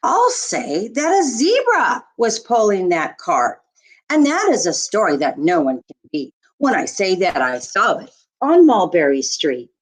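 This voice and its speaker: A teacher reads a rhyming picture book aloud to children, taking her time. Her pitch swings widely and her storytelling is expressive and deliberate, with short asides to the listeners now and then.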